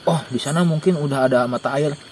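A young man giving joking, animated camping tips outdoors in a dark forest at night, recorded by a camera a few steps away. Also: fairly high pitch, quick pace, slight background noise. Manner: joking, animated, gestures while talking. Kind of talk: casual outdoor interview. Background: faint insects and crickets.

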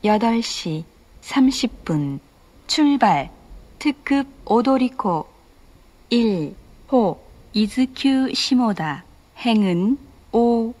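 Brief: female station announcer on a PA loudspeaker, measured and formal, slightly high voice. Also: expressive. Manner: slow, formal, evenly paced. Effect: over a station PA loudspeaker. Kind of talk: recorded train announcement.

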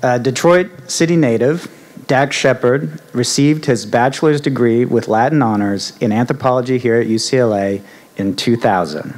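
A man's voice: medium pitch, darkish tone, slight background noise. Man in his 40s, dept chair at an outdoor podium, reads a formal intro, lots of uh and um. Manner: halting, with fillers and restarts, reading a list. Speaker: department chair introducing the speaker. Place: outdoor university ceremony stage. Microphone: podium mic on stand.

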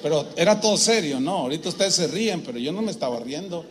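A man with a Mexican accent, a pastor preaching a sermon in church, telling a personal story in an animated way with humorous asides. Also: fairly high pitch, fast talker, slight background noise.

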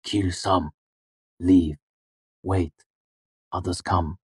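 Man playing a calm foreign warrior, clipped broken phrases, deep voice, audiobook, dry sound. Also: very slow, breathy edge, dry recording, heavily acted. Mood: terse. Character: terse foreign male warrior, calm and spare with words. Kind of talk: audiobook character voice.

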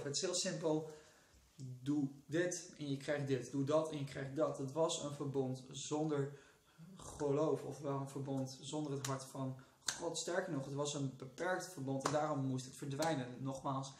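A man's voice: a little high, reverberant, a little hiss or hum. A man with a Dutch accent speaking in a casual devotional vlog from his couch, fervent and often bursting into praise. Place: sitting on a couch indoors.

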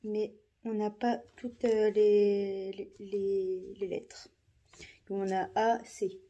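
A woman giving casual unboxing commentary in a halting, soft-spoken way, with many fillers and repeated words. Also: mid-range voice, flat delivery, muffled recording. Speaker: vlogger.

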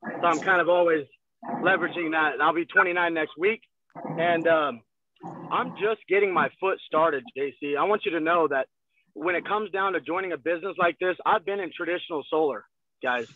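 Energetic young man on a video call. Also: fairly high pitch, a little fast, slight background noise. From Texas. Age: 20s. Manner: energetic, gestures a lot, repeats phrases. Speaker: guest salesman. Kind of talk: motivational sales talk. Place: in a parked car. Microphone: phone on a video call. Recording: thin phone-like video call audio.

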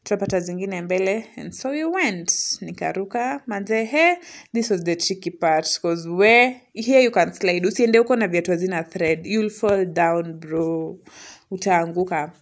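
A woman's voice: on the low side, normal speed. Chatty young Kenyan woman vlogger. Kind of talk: casual vlog voice-over mixing English and Swahili slang.

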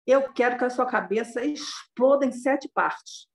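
A woman's voice: sits high, measured pace, pitched above the performer's own voice. A woman voicing an angry, stubborn male ascetic who defiantly refuses to apologize. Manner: defiant, insistent.

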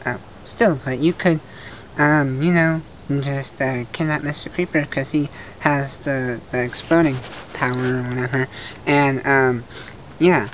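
A woman's voice: a bass voice, fairly even intonation, a little slow, lo-fi sound, a little hiss or hum. A woman presenting and voicing toys in a homemade plush show, talking hesitantly with many fillers.

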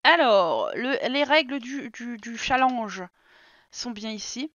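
A woman's voice: fairly high pitch, animated, slow, a bit bright, no echo, muffled recording. A young woman casually commenting while she streams a life-sim game, chatty and scolding her game characters in mock outrage.

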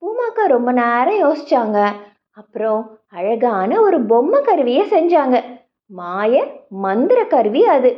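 A woman narrating a children's audiobook in a lively storytelling manner, often asking the young listener questions. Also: on the high side, dull audio.

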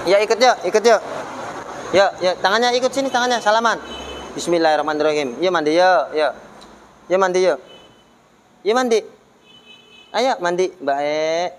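A man's voice: high-pitched, expressive, moderate pace, long pauses, slight background noise, rough recording. A man filming a casual vlog outdoors, coaxing someone with short repeated commands. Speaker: vlogger. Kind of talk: casual handheld vlog narration. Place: outdoors by a street near a mosque.

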